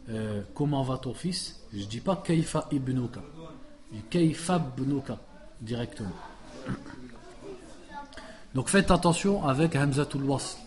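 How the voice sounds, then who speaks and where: A man's voice: mid-range voice, darkish tone. A man teaching a religious studies class, explaining a text patiently and stopping to ask the class questions. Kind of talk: classroom lesson, reading and explaining.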